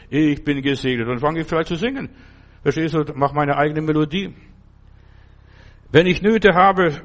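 Man preaching with loud repeated proclamations. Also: a little high. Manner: repetitive, proclaiming, swings between loud outbursts and quiet asides. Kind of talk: informal sermon.

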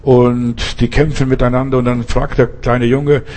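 A man's voice: medium pitch, flat delivery, moderate pace, darkish tone. A male preacher giving an emphatic sermon, speaking straight to the listener with pointed rhetorical questions.

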